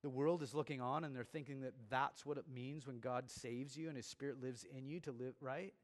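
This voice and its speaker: A man's voice: medium pitch, fairly even intonation, fairly quick. A man preaching a sermon as pastor, earnest and growing emphatic. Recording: long reverb of a large room.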